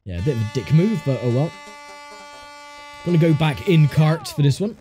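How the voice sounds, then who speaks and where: Animated and on the higher side, the man talks at a normal speed, his voice congested from a sinus infection. He's a gaming YouTuber casually cracking dry, wry comments about the racing game in front of him, with game music in the background.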